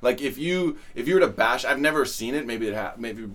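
A man's voice: mid-range voice, animated, fairly quick, a bit bright. A man co-hosting a podcast, talking casually, swearing freely and restarting phrases as he builds his points. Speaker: podcast co-host. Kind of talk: casual chat.

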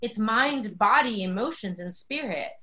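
A woman's voice: medium pitch, animated, measured pace, sharp tone. A woman hosting a podcast interview, speaking in an earnest, affirming way. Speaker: podcast host.

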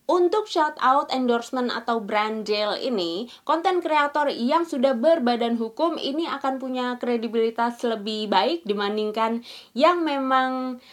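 A woman teaching an online business course in a chatty, slangy, teasing way. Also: high voice. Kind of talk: casual educational talk.

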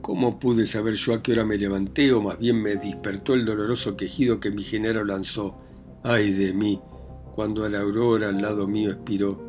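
Guy doing a defiant widow, snappy comebacks, kinda pleading, low-ish voice, faint music behind. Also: little pitch movement, normal speed, natural voice. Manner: indignant, pleading, sharp retorts. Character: defiant grieving young country widow.

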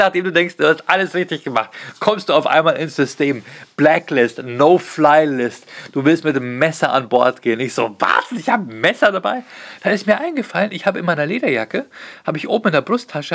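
A man, a comedian, telling a casual comic anecdote in an animated way, swearing freely and acting out bits of dialogue. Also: a little high, a little fast.

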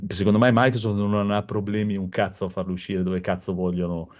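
A man chatting casually about video games, animated and swearing now and then, repeating words for emphasis. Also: low voice, a little fast. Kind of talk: casual gaming chat. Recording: dull lo-fi mic sound.

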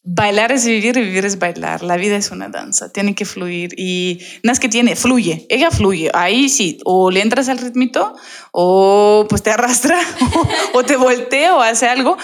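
A young adult woman whose first language is Russian, a podcast guest talking in a lively, reflective way and laughing often. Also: mid-range voice, unhurried. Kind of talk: casual podcast conversation.

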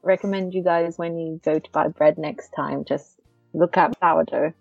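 A woman co-hosting a casual chat, relaxed and laughing, talking to listeners as guys. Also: sits low, moderate pace, gravelly, slightly rough, dry recording, dull audio, soft background music. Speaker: podcast co-host.

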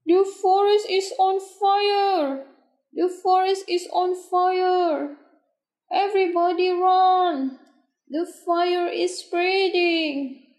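Lady doing a frantic beaver guy screaming warnings, high and shouty, echoey room. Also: fairly even intonation, extremely slow, exaggerated voice. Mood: panicked. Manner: shouting in panic.

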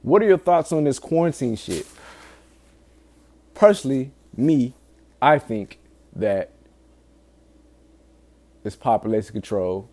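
A man with a low-set, dark, mellow voice records a candid solo podcast. His talk is informal and full of swearing, with an earnest, pleading urgency as he warns his listeners. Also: animated, takes it slowly, pauses often. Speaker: podcast host.

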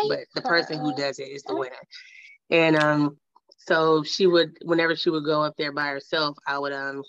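A woman's voice: low voice, fairly bright tone, no room sound, highs cut off. A woman in her thirties, chatting on a video call as a mother telling her story, rambling with many fillers and restarts. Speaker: guest, mother. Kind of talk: casual video call chat.

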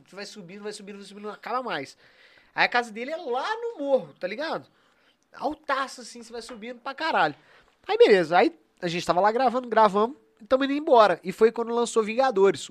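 A man with a Brazilian accent telling a story casually on a podcast, loose and slangy, into a studio mic. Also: high-pitched. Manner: animated slangy storyteller, acts out quoted voices. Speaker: podcast host. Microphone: studio podcast microphone.

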